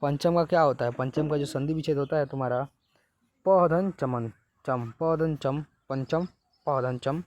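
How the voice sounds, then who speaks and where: A male teacher with a slightly high voice walks students through exam questions in a lesson. He asks each question, gives the answer, then repeats it with little prompts to keep the class going. The sound is dry and close, with hardly any room echo. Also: a little slow, a little mellow.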